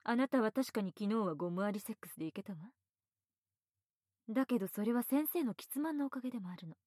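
A woman voicing a teasing, domineering female teacher in a whispered roleplay, speaking in a soft, breathy, bossy way. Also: fairly high pitch, expressive, fast, no echo, studio quality. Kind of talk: erotic ASMR roleplay.

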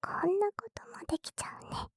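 A woman's voice: sits high, slow pace, fairly bright tone, no room sound, studio quality, full character voice. A woman voicing a bratty, teasing young stepsister girl in a whispered role-play, taunting and giggly as she coaxes. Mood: coy.

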